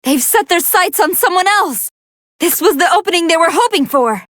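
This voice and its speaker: A woman's voice: very high-pitched, lively intonation, moderate pace, fairly bright tone, no echo, clean studio sound. A woman voicing a brainy female android scientist who gives articulate, analytical commentary on battles in a video game. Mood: composed, analytical. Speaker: fight commentator.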